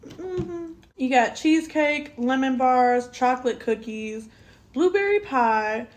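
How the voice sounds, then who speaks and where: A woman's voice: high voice, animated, slow. A young woman co-hosting a podcast in casual chat, laid-back, laughing often and swearing casually. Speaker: podcast co-host.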